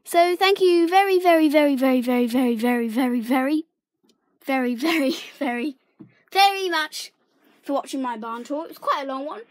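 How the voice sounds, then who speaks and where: Young woman, high-ish voice, chatty toy-barn vlogger with whispered asides, handheld phone in a bedroom. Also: lively intonation, moderate pace. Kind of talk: casual toy tour narration. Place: bedroom, indoors. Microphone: handheld phone camera.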